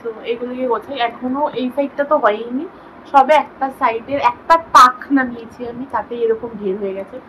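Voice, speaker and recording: A woman's voice: on the high side, fairly even intonation, a little fast, noisy background. A young woman chatting casually through a daily home vlog, now and then cooing at her pets in baby talk. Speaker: vlogger. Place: home bedroom.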